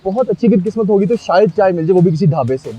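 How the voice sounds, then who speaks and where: A drowsy, sarcastic young husband in a TV drama, his voice mellow and dark though pitched a bit high. He answers dryly, with faint music behind. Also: animated, fast. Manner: dry, sarcastic. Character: sleepy, dry-humored young husband. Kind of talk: TV drama acting.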